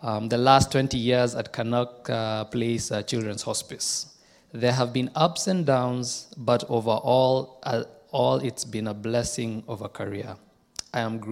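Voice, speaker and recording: A man from Kenya, leading a church service and speaking to the congregation with frequent hesitations. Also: medium pitch. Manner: warm, halting, lots of "um" and restarts. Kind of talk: addressing a congregation. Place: church sanctuary. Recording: echoey church hall with congregation.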